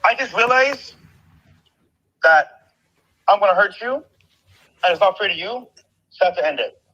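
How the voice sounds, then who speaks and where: A man heard on a recorded phone call played back, talking earnestly and haltingly, repeating himself. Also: high-pitched, lively intonation, pushed and bright.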